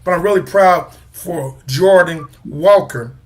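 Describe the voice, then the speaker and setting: A man co-hosting a casual sports podcast, animated and teasing as he mocks rival baseball teams. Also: a little high, unhurried, a little hiss or hum. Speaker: podcast co-host.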